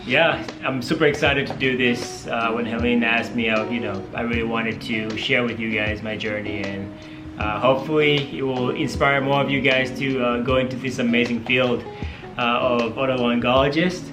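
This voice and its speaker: A young Tanzanian medical student whose mother tongue is Swahili speaks with a Tanzanian accent as a guest in a casual interview, chatting eagerly with many fillers. His mid-range voice holds a steady tone at normal speed, in a roomy-sounding recording with music in the background.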